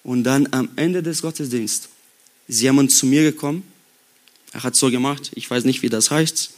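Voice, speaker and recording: A young man from Brazil with a Brazilian accent, preaching a sermon at a youth retreat in slow, halting German. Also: medium pitch. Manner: slow, halting German with non-native grammar. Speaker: youth pastor. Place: worship room before a youth audience.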